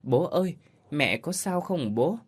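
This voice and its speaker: A man's voice: very animated, a little slow. A man doing a tearful little girl. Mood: scared. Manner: high pleading childlike voice.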